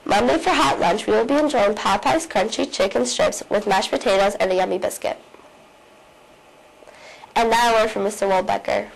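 A young woman student reading the school's morning announcements from the studio in a bright read-aloud way. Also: medium pitch, moderate pace, gravelly, rough recording.

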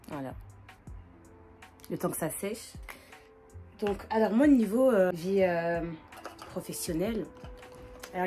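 A woman in her twenties with a northern French accent, chatting casually and quickly as a vlogger while doing her makeup, with lots of fillers and restarts. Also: medium pitch. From northern France. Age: 20s. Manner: fast, animated, many fillers and restarts.

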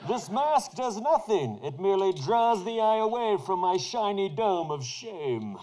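Slow, lilting masked supervillain. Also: male voice, high voice, sing-song, dark tone, soft background music. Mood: wounded, theatrical. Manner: grandiose, lilting theatrical menace. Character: pompous masked male supervillain, grandiose and needy. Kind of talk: sketch comedy impression.

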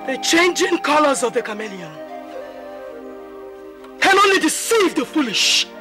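An actress with a Nigerian accent playing a proud village priestess who speaks slowly in grave proverbs. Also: female voice, high-pitched, very animated. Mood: solemn. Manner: slow solemn proverbs, grave warning tone. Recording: film soundtrack with music behind.

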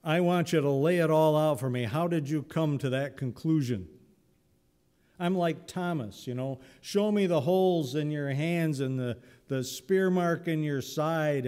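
A man's voice: fairly high pitch, measured pace, darkish tone, clean tone. A male pastor preaching a sermon in a church, telling Bible stories in a conversational, humorous way. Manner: conversational, humorous storytelling with acted-out voices. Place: church sanctuary. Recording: long church reverb.

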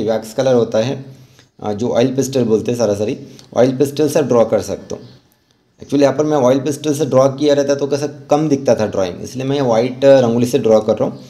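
A man with an Indian accent and a warm, mid-range voice hosts a channel as a rangoli art teacher. He gives an informal, encouraging step-by-step drawing tutorial in an instructional manner.

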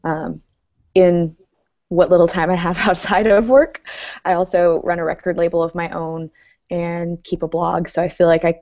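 Woman publicist, lowish voice, measured and detailed; muffled lo-fi podcast sound. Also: little pitch movement, a little mellow. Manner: thoughtful, explains in detail with fillers. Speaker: music publicist and record label owner. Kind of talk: casual podcast chat.

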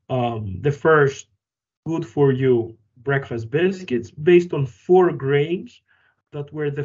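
A man's voice: mid-range voice, darkish tone, dull audio. A man from Greece, founder of a food company, answering interview questions thoughtfully with frequent fillers and restarts.

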